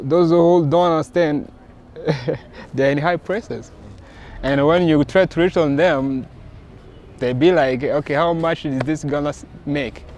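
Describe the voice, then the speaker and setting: A man from Rwanda talks casually outdoors in a city setting, his voice sitting a little high for a man. He is animated and acts out the people he quotes. He speaks as a comics creator being interviewed.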